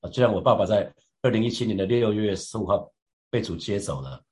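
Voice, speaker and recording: Low-voiced man giving a reflective devotional. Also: fairly quick. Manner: reflective, asks listeners rhetorical questions, frequent soft fillers. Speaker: church leader sharing a devotional. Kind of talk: devotional Bible teaching.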